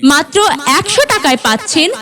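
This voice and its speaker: A woman with a very high, lively voice reads a hard-sell street advertisement. Her delivery is an emphatic, repetitive announcer's pitch with plenty of melodic movement. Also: fairly quick, faint music behind. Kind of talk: hard-sell promotional announcement for a mobile loudspeaker van.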